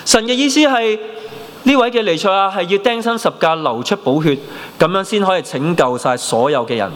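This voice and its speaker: A man in his thirties with a Hong Kong Cantonese accent, preaching a sermon and telling his own story in an animated way, dropping in English words. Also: high-pitched, brisk. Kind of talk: sermon with personal testimony. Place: church hall. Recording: long reverb of a church hall.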